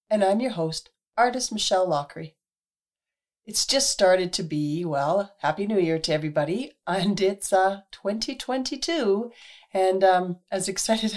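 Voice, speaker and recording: A woman hosting her own radio show, talking casually and earnestly with many fillers, her voice hoarse and husky from recent illness. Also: mid-range voice, a little mellow. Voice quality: husky, gravelly.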